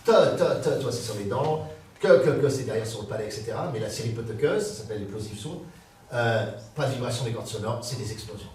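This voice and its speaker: A man's voice: fairly low pitch, quick pace, recorded from a distance, slight background noise. Man in a very echoey hall. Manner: animated, explanatory, demonstrating sounds aloud. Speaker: guest author. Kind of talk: public talk. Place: public hall.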